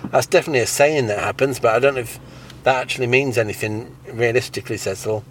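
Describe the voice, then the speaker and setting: Man, snobbish, deadpan, sneering, outdoor recording, loud traffic noise. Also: mid-range voice, fast talker. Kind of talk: comedic improvised chat.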